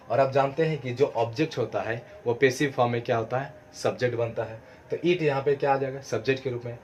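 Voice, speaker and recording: A man teaches grammar at an ordinary middle pitch. He asks the class a question and then gives the answer himself, rule after rule. A faint background noise stays under the lesson. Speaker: English teacher. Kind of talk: explaining grammar to students.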